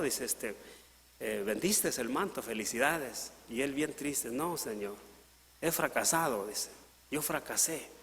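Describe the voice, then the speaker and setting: A man's voice: mid-range voice, fairly bright tone, long reverb tail, a little hiss or hum. A man preaching a sermon in Latin American Spanish, retelling a parable and briefly voicing its characters. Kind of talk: sermon storytelling. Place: church.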